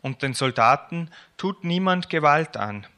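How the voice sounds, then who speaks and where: A man voicing an adult male prophet who loudly and slowly calls the crowds to repent. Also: a little high, animated, exaggerated voice. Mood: urgent calling. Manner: loud, slow, proclaiming calls.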